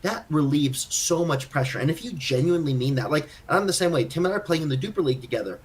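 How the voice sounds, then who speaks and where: A man's voice: fairly high pitch, animated, quick pace. A man co-hosting a podcast, chatting casually and thinking aloud about his own game, self-critical and full of restarts. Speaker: podcast co-host. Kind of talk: casual chat.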